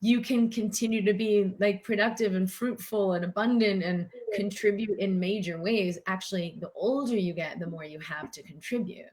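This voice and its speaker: An earnest woman in middle age who comes from the United States talks in a mid-range voice. She speaks in a warm, animated interview style and fills her thoughts with casual filler words. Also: mid-range voice, moderate pace, hardly any pauses. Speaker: doctor and guest. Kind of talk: conversational interview.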